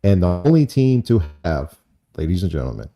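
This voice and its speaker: Lively low-voiced man hosting a podcast. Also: normal speed. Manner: animated, rambling, repeats himself. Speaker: podcast host. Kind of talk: casual chat.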